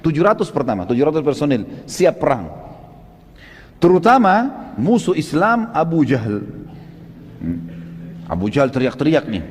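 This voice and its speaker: A man's voice: on the high side, sing-song, moderate pace, long pauses, slightly rough. Man preaching a story in a reverberant hall. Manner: vivid storyteller, often rising into shouted quotes; addresses listeners as friends, frequent "ya" tags. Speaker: Islamic preacher. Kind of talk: storytelling religious lecture.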